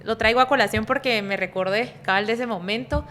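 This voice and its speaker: Speaking a bit fast in a higher register, this pastor with a Guatemalan Spanish accent wanders and interrupts herself in relaxed podcast talk, often closing lines with small tag questions. She says she talks softly yet with energy. There's slight background noise, and she's recorded on a studio podcast microphone kept some distance away.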